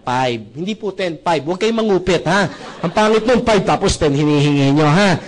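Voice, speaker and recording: Man, high voice, seminar presenter, humorous sales pitch, rhetorical questions to the crowd. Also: animated, normal speed. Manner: jokey, with frequent rhetorical "tama ba?" checks; addresses the audience as brothers and sisters. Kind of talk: humorous sales talk to a live audience.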